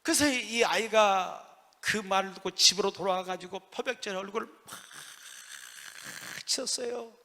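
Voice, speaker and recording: A male pastor preaching a sermon in a church, swinging from soft near-whispers to loud emphatic peaks. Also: high-pitched, normal speed. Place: church sanctuary. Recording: long church reverb.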